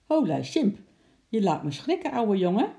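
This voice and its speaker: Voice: medium pitch, animated, normal speed, creaky, warm tone. A reader doing a friendly young zookeeper. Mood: kindly teasing.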